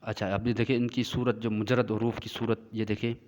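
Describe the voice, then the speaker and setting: A male teacher giving a classroom lecture, explaining slowly and repeating points as he checks that the class follows. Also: on the low side, flat delivery, darkish tone, a little hiss or hum. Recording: dull lo-fi sound with long reverb.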